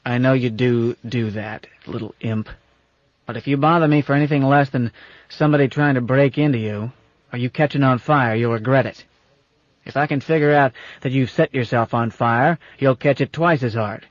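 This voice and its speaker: A man doing a gruff, folksy old captain. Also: mid-range voice, normal speed, no echo, lightly acted. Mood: stern, folksy. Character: gruff, bossy old space captain, affectionate. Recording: dull lo-fi audiobook recording.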